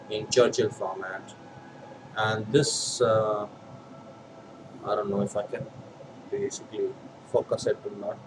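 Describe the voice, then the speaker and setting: A man with an Indian accent chatting casually as a vlog host, in a halting, hesitant way with pauses and repeats. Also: on the low side, background noise. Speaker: video host, pipe and cigar hobbyist.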